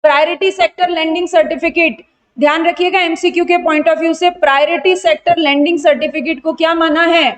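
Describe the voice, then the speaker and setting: A young woman with an Indian accent runs an online revision lecture for exam candidates, firing off questions and answering them herself. Her voice sits high. She switches freely between Hindi and English technical terms. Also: steady tone, a little fast. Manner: quizzing students and answering her own questions. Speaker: GST exam tutor.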